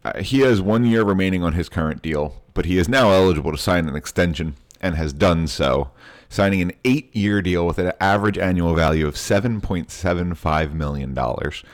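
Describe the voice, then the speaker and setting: A man's voice: deep voice, fairly quick, no echo, studio quality. A man co-hosting a casual sports podcast, easygoing, laying out the news in summary form. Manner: easygoing, sets up stories with news-style summaries. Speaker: podcast co-host.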